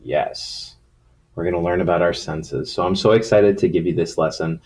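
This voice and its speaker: A man's voice: low voice, fairly even intonation, normal speed, a little mellow. A man teaching young children in a recorded lesson, talking like a kids show host in simple language with frequent questions. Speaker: primary school teacher. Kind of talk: recorded science lesson for young children, reading stories aloud.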